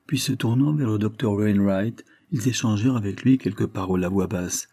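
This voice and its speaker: A man reading a classic novel aloud in a measured, literary narration. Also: on the low side, dark tone, no room sound. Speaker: audiobook reader.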